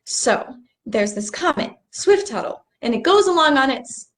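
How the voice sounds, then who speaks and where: A woman's voice: high-pitched, animated, unhurried. A young woman acting an earnest, bookish stargazer in a stage play reading, a little apologetic as she explains things. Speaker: actor in a rehearsed play reading.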